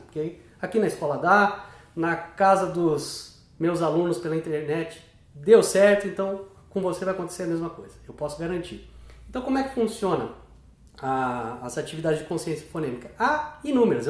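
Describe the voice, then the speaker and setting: A man's voice: high voice, reverberant. A male teacher explaining a reading method to parents, checking in often with short questions. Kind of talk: instructional talk to parents.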